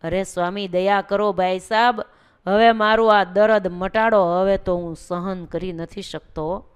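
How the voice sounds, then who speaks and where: A woman's voice: mid-range voice, steady tone, unhurried, clear, resonant tone, close to an everyday voice. A woman voicing a sick older village man who pleads plaintively to be healed. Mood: pleading.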